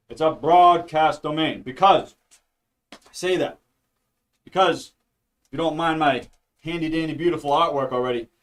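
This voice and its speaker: Chatty man with a brighter voice, teaching. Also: on the high side. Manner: rambling and talkative, says "all right?" and "okay?" constantly; jokey, mutters to himself. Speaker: study stream host teaching networking. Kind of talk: casual live-stream teaching.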